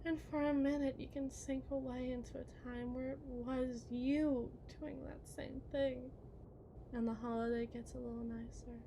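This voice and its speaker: In a theatrical, condescending ASMR roleplay, a woman voices a possessive, manipulative, lovesick wife who has kidnapped someone, stretching out her words and shifting from hushed to emphatic. Her high voice has little pitch movement and some vocal fry at a moderate pace, with a wistful, coaxing mood. The low-quality recording carries slight background noise.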